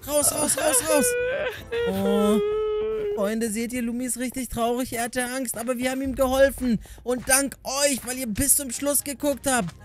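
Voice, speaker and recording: High-voiced man leading an urgent Minecraft role-play. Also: flat delivery, normal speed, few pauses, faint music behind. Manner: urgent, directing others. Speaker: YouTuber and narrator.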